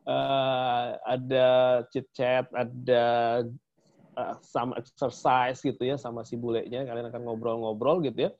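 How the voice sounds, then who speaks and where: A man's voice: medium pitch, level tone, measured pace, darkish tone. A man co-hosting a casual promotional chat about a training, chatty and laughing often. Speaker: co-host of a training talk. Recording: dull lo-fi sound.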